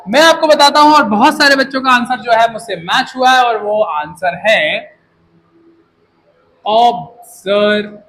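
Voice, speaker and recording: A young man with a Hindi accent teaching an English class, animated and jokey, often asking rhetorical questions. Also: extremely high pitch, moderate pace, rough recording. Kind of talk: classroom lecture. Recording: faint background noise.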